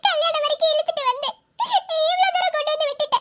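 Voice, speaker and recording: A tearful young bride from a cartoon story, done by a single voice actor. Her voice sits extremely high and thin, and she pleads and apologises as she reads out her letter. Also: fairly even intonation, fast, pushed and bright, no room sound, studio quality. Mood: pleading. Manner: reading her farewell letter aloud, pleading.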